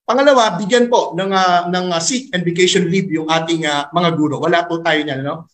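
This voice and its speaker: Man, Filipino accent, high voice, formal hearing testimony, deferential, halting with fillers. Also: a bit bright. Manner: code-switching, frequent "no?" tag and fillers; polite, deferential to the chair. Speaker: teachers' representative at a hearing; teacher.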